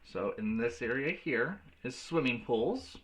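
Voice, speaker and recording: A man reading a children's storybook aloud as a teacher, in a clear storytelling delivery. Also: medium pitch, lively intonation, a little slow.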